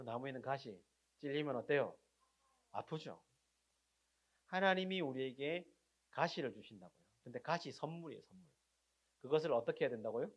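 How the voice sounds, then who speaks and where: A male pastor with a medium-pitched voice delivers a sermon, posing questions to the congregation and then answering them himself. He swings from loud, emphatic lines to very quiet endings.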